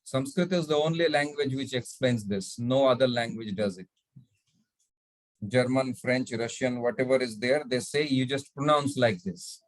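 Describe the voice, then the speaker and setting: धीमे बोलने वाला संस्कृत शिक्षक पुरुष. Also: male voice, medium pitch, drawn-out words, dry recording. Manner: patient, spells out sounds, repeats letters. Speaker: Sanskrit teacher. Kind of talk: slow online lesson mixing Hindi and English.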